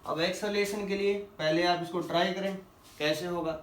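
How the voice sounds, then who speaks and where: A male physics teacher going through quiz questions, asking the class questions and answering them himself, reading English questions slowly before explaining. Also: high-pitched, fairly even intonation, far from the mic, slight background noise. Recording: echoey room, voice a little off-mic.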